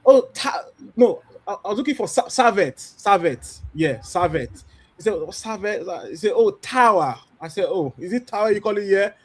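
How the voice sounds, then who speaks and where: On a church panel, a Nigerian man in his thirties gives a candid testimony, speaking animatedly and acting out small exchanges as he tells his story. His slightly rough voice is a bit high for a man, expressive, and moderately paced.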